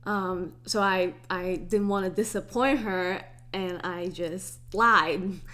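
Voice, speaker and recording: Slow-talking young woman vlogger. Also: fairly low pitch. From Hong Kong. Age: 20s. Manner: relaxed, unhurried, chatty with restarts. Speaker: YouTuber. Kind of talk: casual Q&A vlog.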